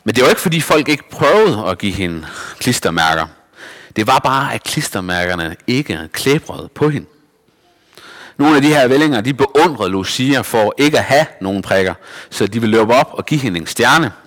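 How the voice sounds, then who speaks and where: A man reading a children's story aloud in a lively, expressive way. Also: medium pitch, long reverb tail.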